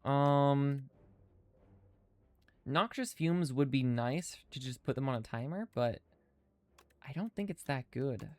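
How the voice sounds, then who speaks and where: A man live-streams a video game, thinking aloud through his moves, chatting with viewers and reading their comments in casual commentary. Dental retainers slightly hinder his speech, and his medium-pitched voice is slow with long pauses.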